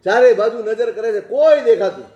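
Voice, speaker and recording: High-voiced preacher in an echoey hall. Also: male voice, animated, fairly quick, warm tone, lo-fi sound. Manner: storytelling with rhetorical questions. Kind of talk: sermon.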